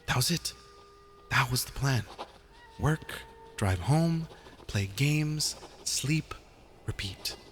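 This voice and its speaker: A man's voice: medium pitch, animated, slow pace, pauses often, slight background noise. A man playing a weary, wry young survivor in a first-person audio journal drama, hesitant, confiding and informal. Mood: wry, reflective. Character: young Filipino male zombie survivor, weary, wry, self-deprecating.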